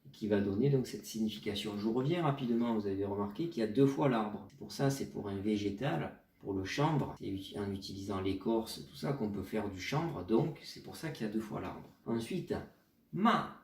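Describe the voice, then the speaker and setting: A man's voice: on the low side, expressive, darkish tone, far from the mic. Man teaching tones in a roomy space. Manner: patient, explanatory, models tones slowly. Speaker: Chinese teacher. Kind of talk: pronunciation lesson.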